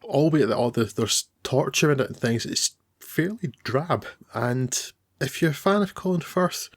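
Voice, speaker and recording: A man's voice: medium pitch, animated, normal speed. A man co-hosting a film podcast, giving loose, rambling opinions with hesitations and some laughs at himself. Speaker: podcast co-host. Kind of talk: casual film review chat.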